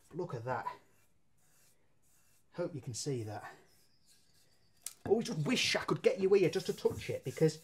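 Working at his bench in an indoor workshop with brick walls, a down-to-earth Englishman in his thirties planes and handles wood while teaching. His slightly high voice stays loose and chatty, sprinkled with local slang and mild swearing, against slight background noise.

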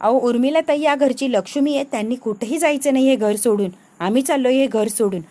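A woman's voice: high-pitched, fairly quick, warm tone, lightly acted. A woman reading an indignant old granny, curt. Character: proud angry grandmother.

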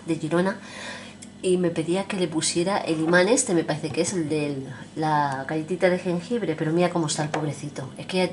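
A woman with a deep, low voice chats to camera at home. She rambles from topic to topic and addresses her viewers fondly. A steady background noise runs under the whole recording. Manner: rambling, chatty, affectionate, addresses viewers directly. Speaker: vlogger. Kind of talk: casual chat to camera.

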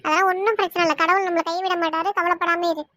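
A woman's voice: very high-pitched, steady tone, fast, pushed and bright, dry recording, studio quality. A woman voicing a caring, firm grandmother in a cartoon, reassuring and sometimes scolding, with a Kanyakumari Tamil accent. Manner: reassuring, scolding when needed.

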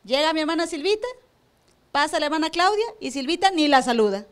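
Woman, pastor, high-pitched, sermon, rhetorical questions. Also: animated, a little fast. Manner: preaches with rhetorical questions, acts out church members. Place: church service.

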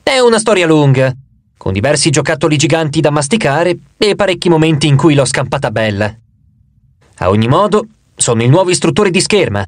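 A man's voice: fairly high pitch, lively intonation, a little fast, no room sound, lightly acted. Guy doing a laid-back grizzled sword teacher in his fifties, audiobook, swings his tone around a lot, dry sound. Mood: easygoing. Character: gruff grey-haired male sword instructor in his fifties.

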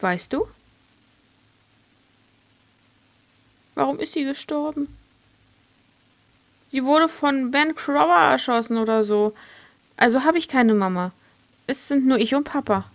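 A woman's voice: high-pitched, unhurried, long pauses. A woman voicing a plucky, stubborn young girl who speaks bluntly and earnestly, reading game dialogue aloud. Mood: coaxing.

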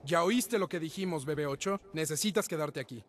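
A man's voice: fairly high pitch, fairly quick, fairly bright tone, slight background noise, natural voice. A man voicing a cautious, stern character in a video game. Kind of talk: scripted game dialogue.

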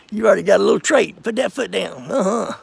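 A man, throat rough from pollen, coaxing his goats outdoors in casual baby talk. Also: high voice, lively intonation, fairly quick, dry recording. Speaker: goat keeper. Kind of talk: casual vlog. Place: outdoors in a front yard.

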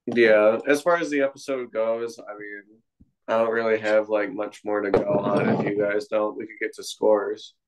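A man's voice: lowish voice, flat delivery, moderate pace, slight background noise, low-quality recording. Young man hosting a casual review chat. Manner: laid-back, joking, profane. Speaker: podcast host.

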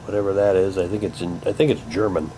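Deep, dark, and steady in tone, this hobbyist vlogger talks quickly through a casual unboxing, rambling, repeating himself, and occasionally reading aloud. The audio from his handheld camera's built-in mic indoors is poor, with slight background noise.

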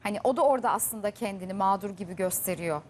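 A woman's voice: medium pitch, quick pace, a little hiss or hum. Woman news presenter pressing her guest. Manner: pressing questions on behalf of viewers. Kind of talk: TV news interview. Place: TV studio.

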